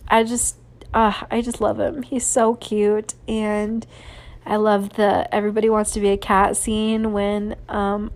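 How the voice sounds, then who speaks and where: A woman chats casually on her solo podcast. She gushes sentimentally and fills her sentences with ums and likes. Her voice sits at an ordinary middle pitch for a woman. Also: darkish tone. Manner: gushing and sentimental, with frequent fillers. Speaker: podcast host.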